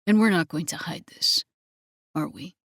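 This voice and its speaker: Lady narrator doing a low gravelly older guy, bossy and hushed, dry close mic. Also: normal speed, no room sound. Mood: teasing. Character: much older man, a rough, commanding lover.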